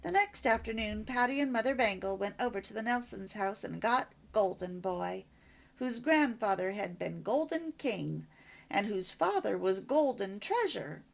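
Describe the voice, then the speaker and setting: A woman reading an old children's storybook aloud in an expressive, warm way. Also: mid-range voice, a little slow, gravelly. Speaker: storybook reader.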